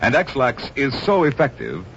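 A man delivering a chipper 1950s radio commercial as the pitchman. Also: huge pitch swings, a little slow, fairly bright tone. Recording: muffled vintage radio, faint noise.

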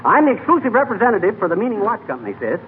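A thin, hissy old radio recording carries an excitable, brash salesman. His slangy comic patter rises and dips with lots of swing. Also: sits high, very fast, narrow, tinny audio. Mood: jaunty patter. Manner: folksy, blustering, slangy patter. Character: brash, excitable fast-talking male watch salesman. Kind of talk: 1940s radio comedy acting.

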